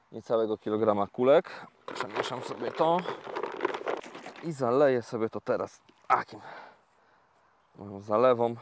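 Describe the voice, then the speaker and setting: A man talking casually to viewers in a fishing vlog, explaining each step in a relaxed, chatty way with many fillers, recorded outdoors by a lake. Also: medium pitch, slight background noise. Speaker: carp fishing vlogger.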